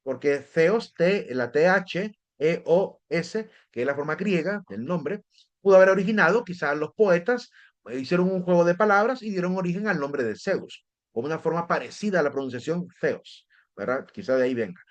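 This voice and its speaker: A man's voice: on the high side, expressive, brisk, dull audio. A man teaching a theology class, explaining step by step and often checking in with his listeners. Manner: explanatory, repeats words and restarts, asks "¿verdad?" often. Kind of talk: lecture on theology.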